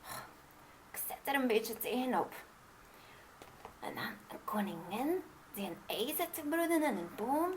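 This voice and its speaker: A fretful fairy-tale queen pleads and hesitates, as a woman reading aloud puts her on. Her voice rises and falls with a slight gravelly texture. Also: high-pitched, expressive, measured pace, fairly bright tone, slight background noise, voice pushed up, full character voice. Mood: hesitant. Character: fretful young queen longing for a child.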